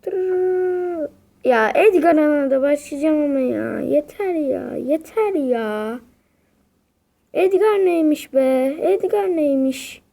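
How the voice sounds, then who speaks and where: A woman's voice: sits high, expressive, slow pace, creaky, warm tone. A young woman giving casual, dramatic commentary while playing a video game, often exasperated and repeating her exclamations. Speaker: gaming video creator.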